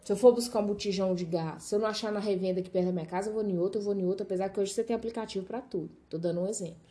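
A woman's voice: mid-range voice, steady tone, very fast, warm tone. A middle-aged Brazilian woman preaching an informal Bible lesson, with homely examples and joking asides to her listeners.

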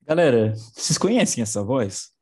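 A man's voice: medium pitch, sing-song, moderate pace, darkish tone, breathy edge. A man co-hosting an informal political news show, slangy and sarcastic.

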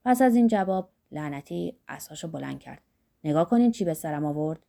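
A woman's voice: sits low, lively intonation, gravelly, mellow, pitched below the performer's own voice. A woman voicing a wild-eyed, half-mad male monk who rants and pleads fervently, in an audiobook. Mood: aggrieved.

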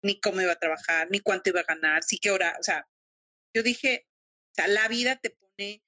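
Her medium-pitched voice is bright and forceful, and she talks fairly quickly with no room sound. She's a middle-aged woman with a Mexican Spanish accent, animatedly and emotionally telling her story as a guest in a casual interview over video call.

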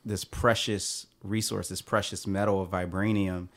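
A man on a podcast panel, speaking thoughtfully and in a measured way, with frequent restarts. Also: low-pitched, little pitch movement. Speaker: panel guest. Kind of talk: casual podcast discussion.

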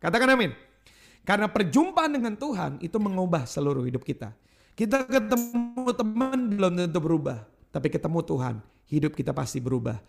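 A youth pastor in his thirties preaches a sermon to a youth church service in a high, heavily gravelly voice, animated and fairly quick. He calls for responses from the crowd and drifts into casual storytelling. He refers to himself in the third person.

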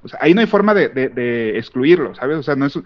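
A Mexican man rambles through a casual podcast chat, full of slang and restarts. His voice sits at an ordinary pitch. The recording sounds dull and lo-fi. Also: lively intonation, fairly quick. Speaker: podcast co-host.

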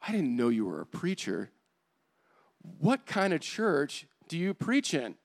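A man's voice: a little high, huge pitch swings, a little slow, vocal fry, full character voice. A man playing a blunt diner owner. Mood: hushed. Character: gruff diner owner, middle-aged man.

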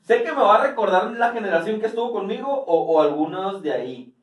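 A man's voice: high voice, expressive, fairly quick, distant mic, dull audio. A man in casual chat, prompting stories in teasing slang like a host. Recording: roomy echo, off mic.

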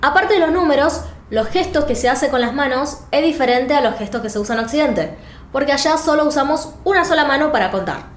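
High-voiced patient language teacher. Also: female voice, animated. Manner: patient, drills each word slowly. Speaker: Mandarin teacher. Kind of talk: instructional video lesson. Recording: echoey room, faint noise, played clip.

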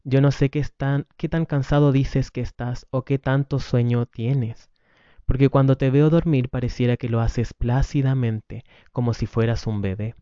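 A man reading the lines of a weary wife and mother, gentle with the children and hurt with her husband, on a dull lo-fi recording. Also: mid-range voice, smooth, no room sound, natural voice.

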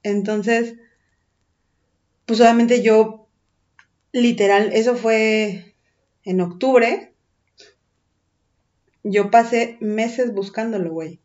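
A woman's voice: on the high side, very slow, pauses often, dull audio. Slangy Mexican woman telling a story. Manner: animated storytelling, heavy slang and swearing. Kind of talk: casual chat.

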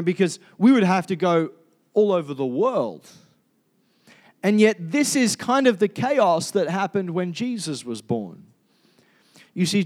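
A man's voice: sits high, darkish tone. A man with an Australian accent preaching a conversational sermon, asking the congregation questions and often restarting his sentences. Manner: chatty, asks the congregation questions, many fillers and restarts.

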